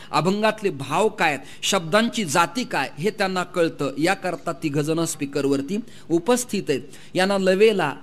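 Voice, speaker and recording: A man's voice: high voice, fairly bright tone. A man preaching a devotional kirtan sermon to a gathering, emphatic, firing rhetorical questions and long lists, speaking into a mic with faint devotional music behind. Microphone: mic through a sound system.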